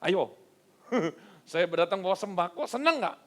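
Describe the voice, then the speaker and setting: A male pastor preaching a sermon, animated and storytelling, with rhetorical questions to the congregation. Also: high-pitched, a little slow.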